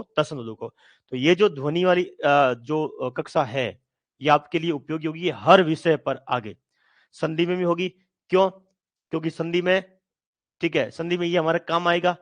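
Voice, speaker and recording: A male teacher giving a phonetics lesson, asking questions and answering them himself, repeating sounds slowly. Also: fairly high pitch. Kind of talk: Hindi grammar lesson.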